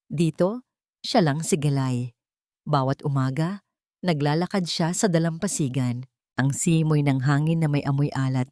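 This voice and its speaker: A woman with a Filipino accent reads a scripted romance story as a dramatic narrator. Her voice sits low with a darkish tone, and the studio-quality recording has no room sound.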